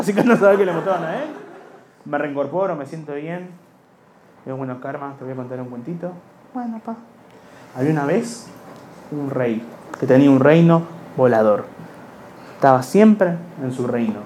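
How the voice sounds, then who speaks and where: Speaking with a Rioplatense Spanish accent, a young comedian spins out a long, rambling stand-up tale full of self-mockery and impressions of other people's voices. His pitch is fairly high and his tone a little mellow, and faint hiss or hum can be heard.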